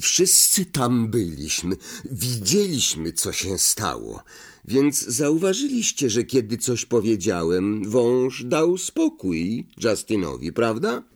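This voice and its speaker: An indignant teenage boy, quick to defend himself, heated and sharp in his replies, as a male narrator voices him. The voice is only slightly lifted from the reader's own and stays lively in pitch. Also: exaggerated voice.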